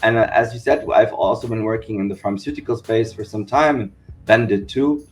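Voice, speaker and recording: A man's voice: fairly low pitch, brisk, faint music behind. A man from Germany, a company founder, explaining his work steadily in a podcast interview. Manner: steady explanatory, repeats "we said okay".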